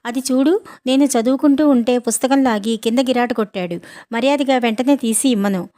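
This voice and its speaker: A woman voicing a stubborn, sharp-tongued teenage girl who is studying for exams, in a storybook reading. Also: a little high, fairly quick, natural voice. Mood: defiant. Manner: sharp, defiant.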